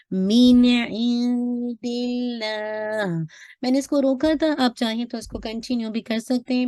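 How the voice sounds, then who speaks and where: A woman teaching Quran recitation, who explains each rule patiently and then slowly sounds out each word as an example. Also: on the high side, darkish tone, dry recording, clean studio sound. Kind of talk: recitation lesson.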